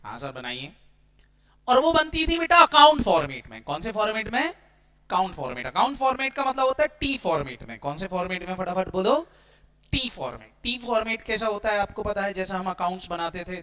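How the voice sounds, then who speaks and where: A man lectures an accounting class with a high, bright voice that cuts through. He keeps firing quick check-in questions at his students and mixes Hindi with English terms as he explains. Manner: energetic, keeps quizzing students with rhetorical checks. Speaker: accounting teacher.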